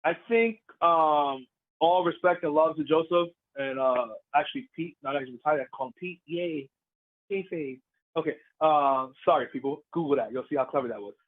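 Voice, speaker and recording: A man, a professional wrestler, telling stories in a casual interview, lively and laughing as he acts out the crowd's voices. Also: a little high, moderate pace, narrow, tinny audio. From Puerto Rican heritage.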